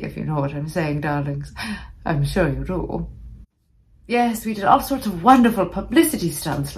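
A woman's voice: mid-range voice, lightly acted. A vain phantom starlet of old Hollywood, played by a woman, holds court on a comic podcast. She is theatrical and arch, with the campy grandness of a drag queen. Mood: boastful, arch. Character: campy vain old-time Hollywood movie-star ghost, female. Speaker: podcast host. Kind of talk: comic in-character podcast monologue.

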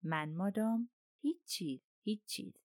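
A woman's voice: mid-range voice, dry recording, studio quality, close to an everyday voice. A woman reading the part of a polite, thoughtful middle-aged male detective in an audiobook, speaking courteously and musingly.

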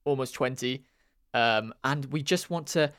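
A man's voice: medium pitch, unhurried, a bit bright, smooth, dry recording, clean studio sound. A nineteen-year-old man co-hosting a casual podcast, chatty, laughing often and trailing off with ums. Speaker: podcast co-host. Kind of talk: casual chat.

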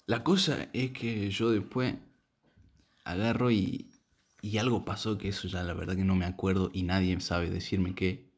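A man's voice: deep voice, level tone, normal speed, husky. A young man with an Argentine accent telling a rambling story in casual chat, full of slang and fillers. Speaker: podcast co-host telling a story.

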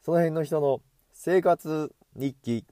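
A man's voice: fairly high pitch, slow pace, mellow, dry recording. A man chatting casually to himself while walking outdoors, self-amused, with a runny nose from hay fever, speaking into an earbud headset mic. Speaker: solo podcaster. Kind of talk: casual rambling monologue.

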